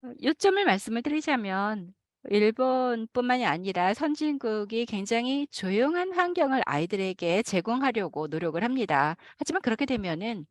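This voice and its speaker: A woman interprets a lecture live, her fairly high voice rising and falling with lively swings. She keeps going through frequent hesitant fillers while she finds her words. The recording is dry and close, with no room sound. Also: moderate pace, dry recording.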